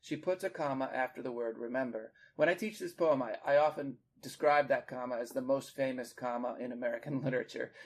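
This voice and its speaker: Speaking briskly with few pauses, a man in a medium pitch hosts a literary discussion. He is a podcast host and literature teacher who explains articulately in a teacherly way, emphasizing key words.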